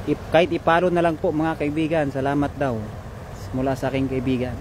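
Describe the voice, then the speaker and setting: A man live-streaming a fishing trip from a riverbank on a phone, chatting and giving shoutouts to viewers. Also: on the high side, flat delivery, brisk, background noise. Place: riverbank outdoors.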